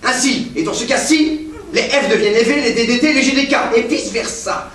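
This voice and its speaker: On stage, a male actor plays a grandiose, pedantic professor in a play, declaiming pompously with big swings in his rather high voice and growing more and more frenzied. He insistently repeats "mademoiselle" at a brisk pace, his tone a bit bright. He seems far from the mic in a very echoey theater, with a little hiss or hum.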